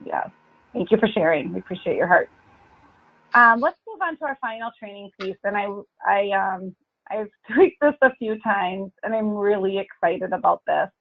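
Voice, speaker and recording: A woman's voice: mid-range voice, expressive, normal speed, gravelly. Tinny phone-line woman leading a team call. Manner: earnest, blunt, upbeat urging. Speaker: team leader hosting a meeting call. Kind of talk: encouraging team talk.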